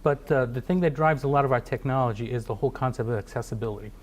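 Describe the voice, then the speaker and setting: A man's voice: mid-range voice, very fast. A middle-aged man from Portugal, a company founder, speaking in a TV business interview with many fillers and restarts. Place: TV studio.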